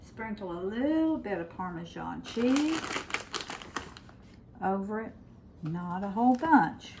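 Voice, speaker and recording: An older woman, hosting a home cooking show and talking homey and unhurried to her viewers. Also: mid-range voice, sing-song, roomy sound, background noise. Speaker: cooking channel host. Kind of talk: casual cooking demonstration. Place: home kitchen. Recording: kitchen with clattering dishes.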